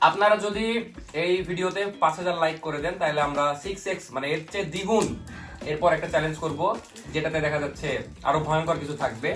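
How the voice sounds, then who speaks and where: A man's voice: a little high, fast talker, a bit bright. A man chatting casually as the host of a challenge vlog. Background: clear music.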